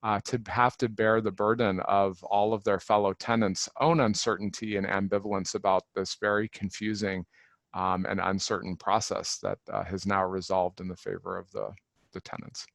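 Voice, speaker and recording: A man, an attorney, gives measured press-conference remarks, pausing on frequent fillers. His voice sits fairly low and sounds dry and close. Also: level tone, gravelly, fairly bright tone, dry recording.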